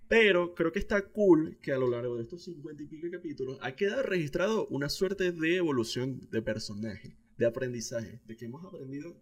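A man's voice: on the high side, a little fast, few pauses, slightly rough. Laid-back Venezuelan man chatting. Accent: Venezuelan Spanish. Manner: relaxed, slangy, rambling. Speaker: podcast co-host. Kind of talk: casual chat.

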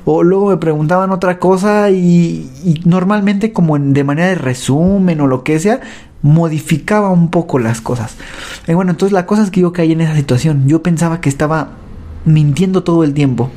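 Halting Mexican man, mellow voice. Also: a little high. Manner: halting, often adds "¿verdad?" and repeats words. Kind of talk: personal faith testimony.

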